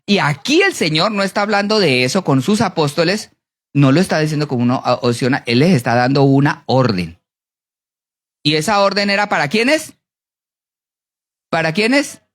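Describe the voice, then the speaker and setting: A preacher giving a sermon, animated, often asking the congregation to answer yes or no. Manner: animated, with big swings in pitch and pace.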